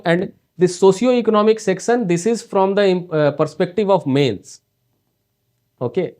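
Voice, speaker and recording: A coaching teacher from North India gives an online exam prep lecture in accented English. His voice is a little high for a man, with a darkish tone, and his delivery is halting, packed with fillers and restarts.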